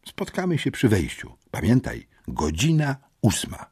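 A man's voice: medium pitch, wildly swooping pitch, unhurried, breathy edge, no room sound, studio quality, pitched above the performer's own voice, exaggerated voice. A man reading an audiobook, voicing a secretive teenage schoolboy who murmurs his plans mysteriously.

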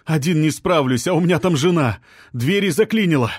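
A man's voice: a little high, expressive, brisk, breathy edge, dry recording, clean studio sound, voice pushed up. A man voicing a desperate young husband begging for help in an audiobook scene. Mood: pleading. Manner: pleading, panicky.

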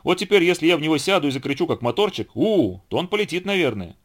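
A man doing a high excitable little donkey. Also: fast. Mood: eager. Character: playful, naive little male donkey.

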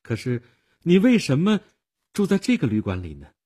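A man reading the lines of a smooth-talking male con man, husky and sympathetic, in a radio storybook. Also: a little high, wildly swooping pitch, moderate pace, dark tone, voice pushed up, heavily acted.

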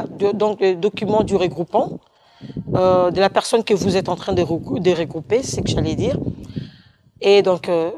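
A woman's voice: fairly low pitch, a little mellow. A middle-aged woman from Congo giving a recorded personal testimony, hesitant, with many fillers and restarts. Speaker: testimony speaker.

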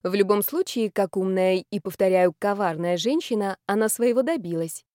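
A woman reading an audiobook in an expressive first-person narration. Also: medium pitch, normal speed, no room sound, clean studio sound. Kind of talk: scripted narration.

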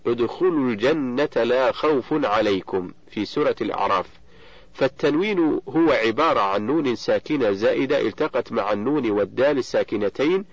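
A man giving a steady, measured audiobook reading of a book on Quran recitation rules, slowing down on quoted verses. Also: mid-range voice, slightly rough, dry recording. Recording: dull lo-fi dry recording.

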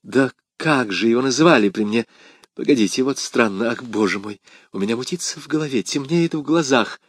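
A man's voice: medium pitch, animated, fairly quick, dry recording, natural voice. A fragile young woman pours out her love in a raised, lilting voice, then fades to a faint murmur, as a male reader puts her on. The reading is dry and close, with no room sound. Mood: anxious. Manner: tender, breathless, then weak. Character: young woman in love, later poisoned and fading.

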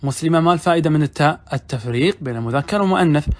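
Middle-aged male sheikh, higher-pitched voice, patient question-and-answer grammar teaching. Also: animated. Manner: explains step by step, asks the class questions and answers them himself; reads quoted text slowly and deliberately. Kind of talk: classroom commentary on a grammar text.

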